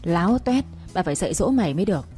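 A woman's voice: expressive, racing, warm tone, faint music behind, natural voice. A woman voicing a cruel, domineering older matriarch who scolds and sneers in a storybook reading. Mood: scolding. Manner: scolding, shrill and scornful.

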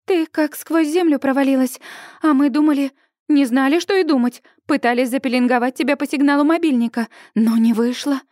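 A woman reading an audiobook, voicing an emotional young woman friend who calls out in a shrill, breathless voice. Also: fairly quick, darkish tone, no room sound, clean studio sound, natural voice. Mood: tearful, relieved.

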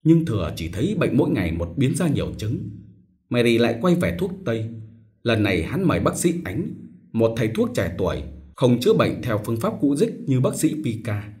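A man narrating a novel as an audiobook, in an expressive storytelling manner. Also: medium pitch, moderate pace.

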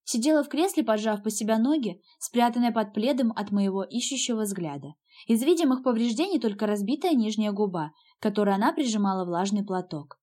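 A woman's voice: medium pitch, expressive, a little fast, mellow. Woman reading a dramatic novel aloud. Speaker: audiobook narrator. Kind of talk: first-person novel narration.

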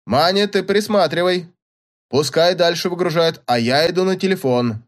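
A man's voice: high voice, normal speed, voice pushed up, natural voice. A man playing a fretful farm manager. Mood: fussy. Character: fussy excitable provincial farm manager, man.

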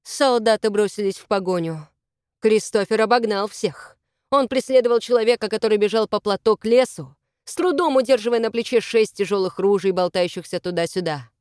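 A woman narrating an adventure novel in a steady, expressive reading style. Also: mid-range voice, a little fast, clear, resonant tone, dry recording, studio quality. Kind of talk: audiobook narration.

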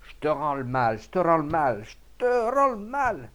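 A man voicing a gruff, bullying older peasant farmer and mayor who talks in rustic country speech and barks orders. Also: a little high, very animated, takes it slowly, a little mellow, pitched above the performer's own voice, exaggerated voice. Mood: furious.

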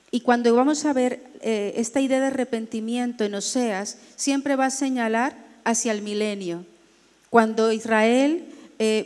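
A woman pastor, teaching a Bible class in a deliberate, emphatic way, pausing often and spelling out names. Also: fairly high pitch, a little mellow. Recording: long hall reverb.

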